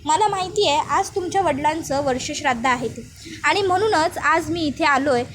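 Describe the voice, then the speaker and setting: A woman voicing a composed, determined young man with formal, calm speech. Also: high voice, moderate pace, slight background noise, lightly acted.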